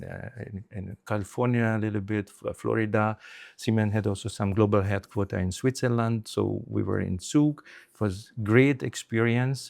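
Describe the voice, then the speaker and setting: Speaking conversationally in an interview, a middle-aged man, once a telecom executive, carries a Hungarian accent. His voice is on the low side and a little mellow, with some vocal fry.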